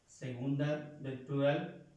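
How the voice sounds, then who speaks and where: Slow, patient man teaching from afar. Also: medium pitch, steady tone, dark tone. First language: Spanish. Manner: patient, repeats each form, pauses while writing on a board. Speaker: French teacher. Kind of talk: slow classroom grammar lesson. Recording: echoey room, voice from far off the mic.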